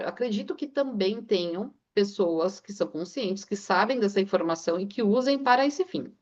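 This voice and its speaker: Woman, casual book club chat, rambling, filler-heavy, medium pitch, muffled video-call sound. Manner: rambling, anecdotal, frequent filler tags.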